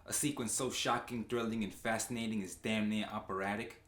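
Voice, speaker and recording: A man's voice: lowish voice, steady tone, a little fast, a bit bright. A man giving a scripted film-essay narration, with an emphatic, dramatic delivery, over a noisy recording. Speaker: video essayist.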